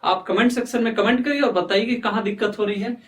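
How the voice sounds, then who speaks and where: A man teaching a lesson, speaking slowly and repeating himself, often asking questions and answering them himself. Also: high voice, steady tone, a bit bright. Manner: slow, repetitive, quizzing himself aloud. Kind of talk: explaining a lesson at a board. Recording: echoey room, voice far from mic.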